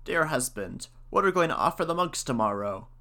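A man's voice: on the high side, very animated, a little fast, bright, forceful tone, full character voice. A man doing an anxious, pious old woman. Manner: anxious, pleading. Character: worried, devout old woman. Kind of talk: storybook reading.

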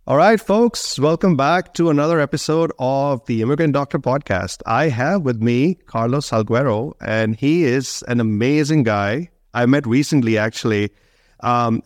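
A male podcast host talks casually, filling his sentences with ums and you-knows. His pitch sits in the middle range. The sound is close and dry. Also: dry recording. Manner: conversational, many fillers like um and you know. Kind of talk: casual interview hosting.

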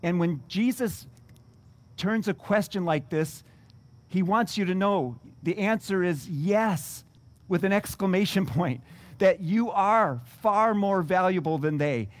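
A man's voice: high-pitched, unhurried. A man preaching a sermon as a pastor, reading scripture and then explaining it earnestly, often restarting his words.

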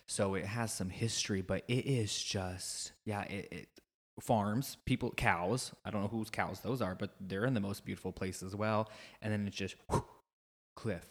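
Man, podcast co-host, lowish voice, playful jokester who plays out his own lines. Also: fairly even intonation, normal speed. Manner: playful, jokey, quotes himself in voices. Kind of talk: casual travel chat.

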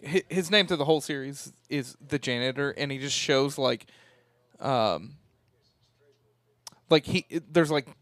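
A man co-hosting a casual movie watch-along, talking about movies in an excitable fan's way. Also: dry recording. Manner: excitable movie fan, rising pitch when worked up. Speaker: podcast co-host, called J B.

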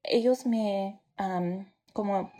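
An American woman, a native English speaker, chatting casually in halting Spanish mixed with English. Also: mid-range voice, steady tone, warm tone. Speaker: dental professional. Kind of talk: casual conversation.

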